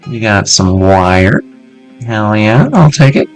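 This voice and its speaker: A low-pitched man narrating his own game run in a loose, chatty way, his voice bouncing up and down a lot as he gets excited. He mutters, exclaims and swears casually, with faint music playing underneath. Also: slow pace. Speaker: gameplay video host. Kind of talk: casual let's-play commentary.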